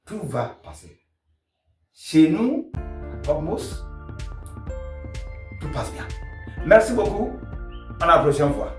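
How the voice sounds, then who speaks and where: Male language teacher, drills sounds very slowly, somewhat high voice; roomy, distant recording. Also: big pitch swings, faint music behind. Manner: slow, repetitive drilling of sounds. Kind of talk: pronunciation lesson. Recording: echoey room, mic at a distance.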